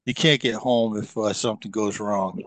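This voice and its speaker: A middle-aged man, guesting on a podcast, wanders through long casual stories with frequent fillers and restarts. His fairly low voice is a bit bright, with fairly even intonation and a moderate pace, captured in a dry recording.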